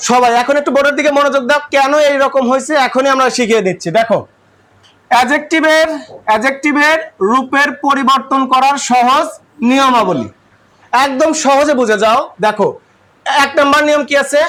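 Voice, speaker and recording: A man's voice: very high voice, fairly quick, bright, forceful tone. A man with a Bangladeshi accent teaching English grammar to a class, asking questions and repeating the answers.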